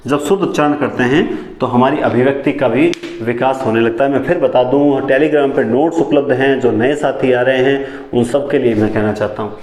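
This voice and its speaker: A man teaching a lesson, who repeats key phrases back as questions and sometimes talks fast enough that his words tangle. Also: medium pitch, darkish tone, roomy sound. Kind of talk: classroom lecture on teaching methods.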